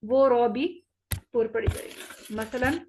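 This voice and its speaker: Woman teacher going over recitation rules, fairly high voice, slow and repetitive, keeps checking students get it. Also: darkish tone, slight background noise, poor audio. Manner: patient, repeats rules slowly and checks understanding. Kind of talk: online tajweed lesson. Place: online class.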